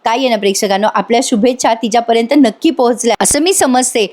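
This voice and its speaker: A woman's voice: fairly high pitch, quick pace, darkish tone. Chatty woman recapping a TV serial. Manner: chatty, addresses viewers directly. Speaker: TV serial reviewer. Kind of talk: voice-over episode recap.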